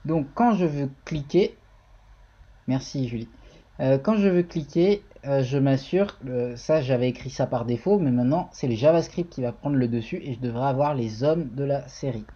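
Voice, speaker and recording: Casting: male live-coding streamer, mellow husky voice, thinks aloud, chatty with his chat, dull lo-fi stream audio. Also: mid-range voice, normal speed. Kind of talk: casual live-coding tutorial.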